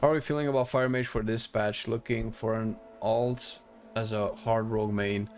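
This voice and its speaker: A lowish male voice with fairly even intonation talks at normal speed. It's casual live-stream chat while gaming, addressed to viewers with an occasional swear word, and faint game music plays in the background.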